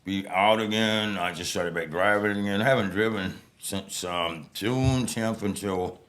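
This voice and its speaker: Man, middle-aged, lowish voice, casual storyteller, slurred run-together words. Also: a little slow, fairly bright tone. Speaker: interview guest, local personality.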